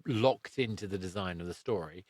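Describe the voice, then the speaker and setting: A podcast host and interviewer chats casually with a guest, rambling and reflective. His voice sits low and is a little mellow, at normal speed, in a dry recording.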